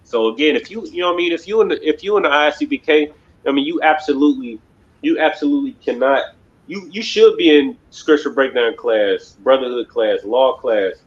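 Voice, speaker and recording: A man with a fairly high, expressive voice teaches a religious class, speaking fairly quickly and emphatically. He rambles and keeps repeating "you know what I mean" among constant fillers. The recording sounds muffled.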